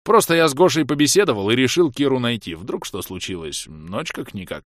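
A man's voice: medium pitch, lively intonation, fairly quick, fairly bright tone, no echo, clean studio sound, pitched above the performer's own voice, natural voice. Man voicing a brash slangy buddy. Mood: rowdy. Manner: blunt slangy talk.

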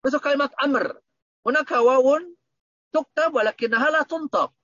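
A man's voice: very high voice, fairly quick, sharp tone, no room sound, dull audio. A man teaching Arabic grammar online, patiently repeating points and quizzing his students.

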